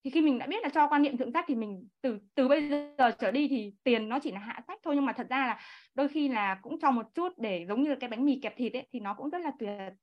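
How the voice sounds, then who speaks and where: A woman's voice: sits high, expressive, quick pace. A woman in her thirties, chatty and polite, sharing a personal story in an online class over a video call. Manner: chatty, frequent restarts and polite particles. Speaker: class participant. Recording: dull lo-fi online call audio.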